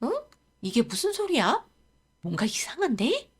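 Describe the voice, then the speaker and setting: Woman voicing a young daughter, wild temper, shrill, shouting, folktale. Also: sing-song, normal speed, slightly rough. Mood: puzzled.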